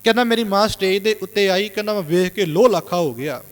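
High-voiced male preacher telling a story. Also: fast, long reverb tail. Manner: earnest, repeatedly inserting "he said". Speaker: Sikh preacher. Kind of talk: storytelling sermon.

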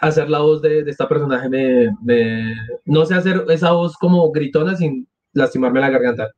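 A man's voice: on the high side, moderate pace, a little mellow, lo-fi sound. A man reading a novel aloud on a live stream, with casual asides. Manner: conversational, self-deprecating asides. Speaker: audiobook reader and streamer.

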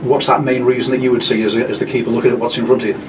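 A man's voice: mid-range voice, flat delivery, very fast. A man interviewing a player after a match, asking long, rambling questions full of fillers. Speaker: club media interviewer. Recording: distant mic with room noise.

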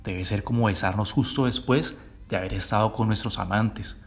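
A man reading poetry in a steady, measured recital. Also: fairly low pitch.

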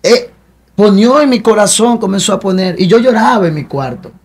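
Casting: young man, high-pitched, earnest testimony voice, repeats himself like a preacher. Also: lively intonation, normal speed, husky. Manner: earnest, repetitive, preacher-like cadence. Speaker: guest giving testimony. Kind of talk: emotional personal testimony.

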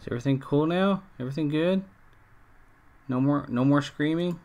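A man giving casual let's-play commentary, chatting to his game characters and breaking into excited outbursts. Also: on the high side, normal speed, muffled recording. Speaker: gameplay streamer. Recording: faint game music behind.

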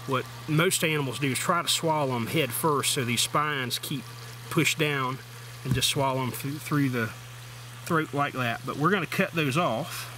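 A middle-aged man with a drawl explains each step in a plain, folksy way. His voice sits at an ordinary pitch. A water pump hums clearly behind him at an outdoor camp. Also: normal speed, pushed and bright, poor audio. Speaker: outdoor survival vlogger. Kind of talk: casual how-to demonstration. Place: outdoor camp table in the woods. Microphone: camera mounted overhead. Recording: water pump noise in background.

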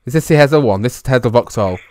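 A man's voice: mid-range voice, animated, racing, darkish tone, slight background noise. A man in his twenties with an English accent, making casual prank calls in a hesitant, stammering way into a close microphone. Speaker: prank caller, video host. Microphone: close microphone on a boom arm.

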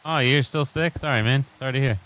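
A man's voice: mid-range voice, fast, fairly bright tone. A young man chatting casually during a gaming session, teasing his friends and laughing often. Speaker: gaming co-host.

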